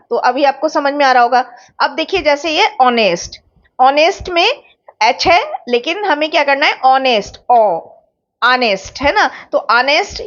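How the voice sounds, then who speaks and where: Indian woman, high voice, teaching english grammar online, keeps asking if you got it, bit muffled audio. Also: a bit bright. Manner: explains step by step, keeps checking understanding. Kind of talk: online exam-prep lecture.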